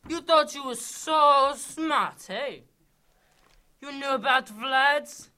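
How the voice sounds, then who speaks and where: A woman's voice: high voice, slow, sharp tone, exaggerated voice. A woman playing a male schoolteacher who fusses with praise and turns cold and threatening. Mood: menacing. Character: male schoolteacher, proud then secretly villainous.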